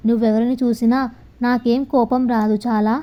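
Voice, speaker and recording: A woman's voice: on the high side, little pitch movement, normal speed, lightly acted. A woman voicing a hurt, jealous young woman who answers curtly, on a dull lo-fi recording. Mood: irritated. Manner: curt, irritated.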